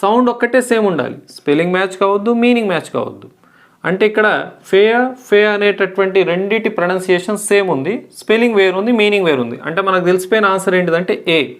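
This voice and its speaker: A man's voice: high voice, expressive, quick pace, a bit bright. Telugu-accented male grammar teacher. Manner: explains step by step, asks and answers own questions. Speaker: English teacher. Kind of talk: exam-prep grammar lesson.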